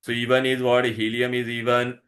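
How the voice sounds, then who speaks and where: A man with an Indian accent leads an online science lesson, questioning his pupils, repeating points, and regularly stopping to confirm they understand. He talks fairly quickly at medium pitch, in a completely flat, slightly bright voice.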